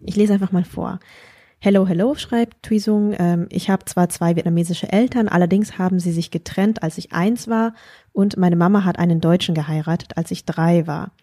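A woman's voice: lowish voice, steady tone, normal speed, dark tone, dry recording, clean studio sound. A woman hosting a podcast, chatting casually and reading out a listener's message. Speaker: podcast host.

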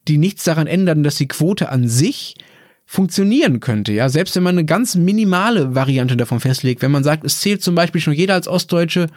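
A Berlin-born man who co-hosts a debate podcast, arguing his point with heavy irony. His voice sits a bit higher than most men's, recorded dry with no room sound. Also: lively intonation, normal speed, darkish tone, dry recording. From Berlin, Germany. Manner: ironic, argumentative. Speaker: podcast co-host. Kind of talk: casual debate.

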